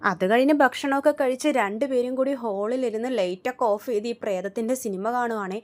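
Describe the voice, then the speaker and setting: A woman retelling a story in a chatty, lively way, narrating each scene with casual tag words. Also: fairly high pitch, fairly quick.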